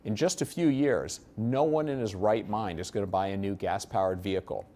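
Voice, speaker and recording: A man's voice: lowish voice, brisk, dark tone, slight background noise. Male presenter, American accent. Scripted persuasive narration, assured, explanatory and emphatic. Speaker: presenter of an investment promotion.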